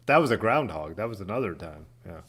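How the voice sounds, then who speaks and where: Deep-voiced male host, relaxed and jokey, quick to laugh. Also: breathy edge. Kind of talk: casual chat.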